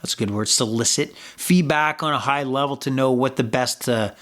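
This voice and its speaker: A man's voice: medium pitch, normal speed, a bit bright. A man hosting a sports podcast, talking casually about football and betting picks, rambling and swearing as he goes. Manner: rambling, swears freely, frequent fillers and restarts. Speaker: podcast host.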